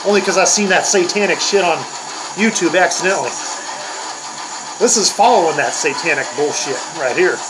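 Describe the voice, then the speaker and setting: A man's voice: high-pitched, moderate pace, low-quality recording. An older man hosting a comedic reaction video, grumbling and mocking in a crude, profane way. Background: heavy metal music playing.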